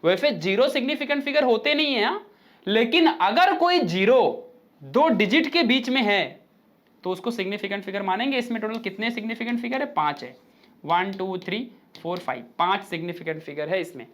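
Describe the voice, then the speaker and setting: Male physics tutor, high and animated, casual classroom banter. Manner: chatty, informal, reads rules aloud slowly then explains with asides. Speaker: physics teacher. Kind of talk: online classroom lecture.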